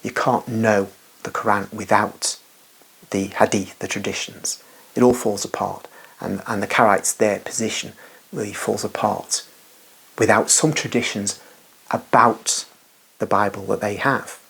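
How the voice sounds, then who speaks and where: A man talks through religious questions in a rambling, unscripted monologue. His voice sits a little low and sounds husky, and he leans hard on his points. He keeps breaking off for asides and restarting his sentences. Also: steady tone, a little slow, fairly bright tone.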